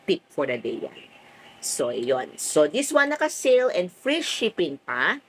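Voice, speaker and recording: A middle-aged woman from the Philippines with a full, loud voice, chatting casually while selling on a phone live stream from home. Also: on the low side, unhurried, husky, low-quality recording. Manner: chatty, lively, fond of "o, di ba?".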